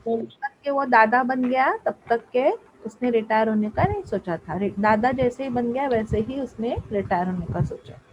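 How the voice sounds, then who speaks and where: A woman teaching an English class, explaining slowly and often checking that her pupils follow. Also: fairly high pitch, animated, muffled recording, a little hiss or hum. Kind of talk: online class lesson in Hindi and English.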